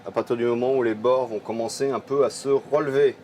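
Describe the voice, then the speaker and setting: A man's voice: medium pitch, brisk, a little hiss or hum. A man running a mobile creperie, explaining his business casually with many hesitations. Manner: relaxed, with frequent hesitations. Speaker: creperie owner interviewed. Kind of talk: casual interview.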